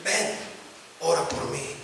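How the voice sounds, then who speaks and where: Low quiet demon voice, sneering and taunting, a man doing it in a sermon, echoey hall, distant mic. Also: slow, a little hiss or hum. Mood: mocking. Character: mocking taunting demon, male, sly.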